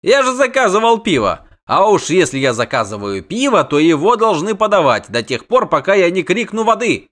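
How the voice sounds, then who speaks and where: A man's voice: high voice, big pitch swings, moderate pace, hardly any pauses, fairly bright tone, pitched above the performer's own voice. A man reading the part of a cheeky young male bard who talks in a brash, demanding way.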